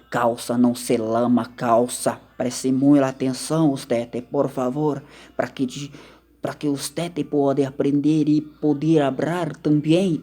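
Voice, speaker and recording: A man from Argentina, teaching vocabulary in a slow, repetitive way and mixing in words. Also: mid-range voice, mellow. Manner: slow, repetitive, mixes Spanish into Portuguese. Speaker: language teacher. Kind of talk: casual vocabulary lesson to camera.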